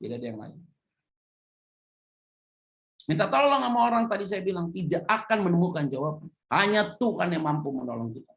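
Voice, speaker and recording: A woman's voice: fairly low pitch, very animated, a little fast, long pauses. Dramatic woman preaching. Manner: dramatic, swings between hushed and loud emphasis. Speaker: pastor. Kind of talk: sermon.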